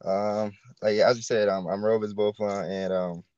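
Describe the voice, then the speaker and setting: A young Haitian man, a college football punter, chats as a guest in a casual video-call interview, halting often with fillers and restarts. His voice sits on the low side, steady and dark. There's no room sound, and the call audio is dull and lo-fi.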